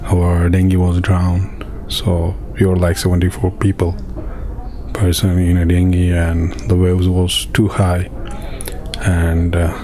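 A man from Afghanistan, giving halting personal testimony in an interview, with many pauses and restarts. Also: deep voice, completely flat delivery, warm tone, a little hiss or hum. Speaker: interviewee, refugee in a camp.

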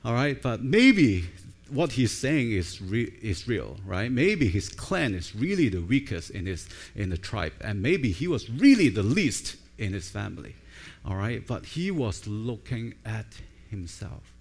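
Speaking in a lowish, sing-song, slightly rough voice, a middle-aged pastor from Hong Kong delivers an unhurried, conversational sermon. He is a native Cantonese speaker with a Cantonese accent, and he informally checks on his listeners with frequent "right?" and "okay?" tags.

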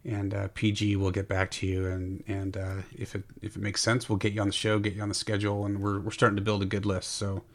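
A man hosting a podcast in casual chat, halting and repeating words as he goes. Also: lowish voice, little pitch movement. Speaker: podcast host.

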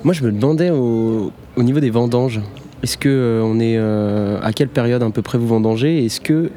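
A man's voice: medium pitch, normal speed, warm tone. A man interviewing a winemaker on the radio, asking curious questions with frequent fillers.

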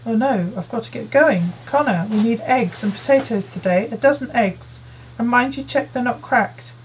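A woman voicing a busy working mother who fusses and hands out chores in a brisk, nagging way, read as an audiobook character. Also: on the high side, a little hiss or hum, pitched above the performer's own voice, natural voice, rough recording. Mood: bossy. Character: busy, fussing working mother in her forties.

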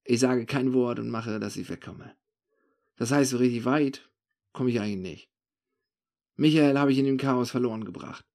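A man's voice: mid-range voice, moderate pace, creaky, long pauses, darkish tone. A man narrating a first-person story in a wry, conversational manner.

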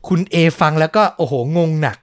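A man with a slightly higher-than-usual voice hosts a storytelling podcast. He retells a spooky tale in a loose, conversational way, padding his sentences with casual fillers. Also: fairly quick. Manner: chatty retelling with many fillers.

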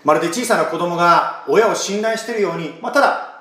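A man, a pastor, giving an emphatic, animated sermon and leading a prayer. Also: high voice, fast. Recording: echoey room.

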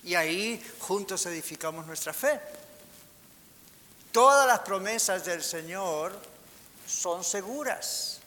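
A man's voice: high-pitched, slow, long pauses, pushed and bright. A man preaching a sermon as pastor, asking the congregation rhetorical questions. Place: church hall. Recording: hall reverb with faint hiss.

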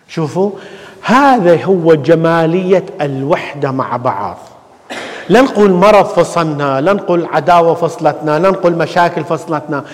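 A man with an Iraqi Arabic accent preaching a sermon as a priest, building his points with rhetorical questions and repeated phrases. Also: fairly high pitch. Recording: long church reverb.

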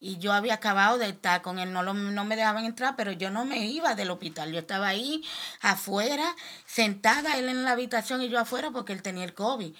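A middle-aged woman giving a personal faith testimony on a podcast, halting and restarting, her voice rising sharply as she pleads. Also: mid-range voice, bright, forceful tone. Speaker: guest sharing testimony.

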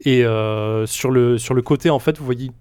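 A man's voice: mid-range voice, normal speed, darkish tone, clean tone. A man running a tabletop role-playing game as game master, narrating in an explanatory, filler-heavy way.

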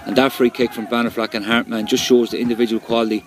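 A man's voice: mid-range voice, flat delivery, fast talker, a little hiss or hum. A man with an Irish accent gives a fluent, colloquial match reaction as a football supporter. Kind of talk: informal spoken match review.

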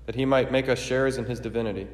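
A priest celebrating Mass, reciting the liturgy in a steady, measured way, his voice ringing with a cathedral echo. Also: medium pitch. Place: large church. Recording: echoey church with long reverb.

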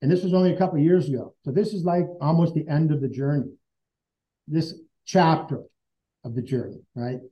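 Fairly quick and warm in tone, this man's voice sits a little high. He is being interviewed as a guest and earnestly shares a personal story in a conversational way, acting out remembered dialogue, on a dull lo-fi recording.

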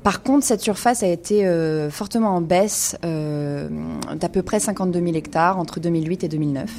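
A woman's voice: on the low side, moderate pace, background noise. A woman presenting a weekly radio column on wine, speaking in a studio with frequent hesitations and fillers.

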